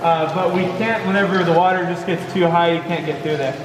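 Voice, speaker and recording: A man's voice: sits high, fairly even intonation, fairly quick. A man working as a tour guide, giving casual, explanatory commentary with his voice echoing through a cave. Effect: cave echo. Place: inside a water-filled cave on a tour boat. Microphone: vlogger's camera, away from the speaker. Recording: echoey cave, distant mic, noisy background.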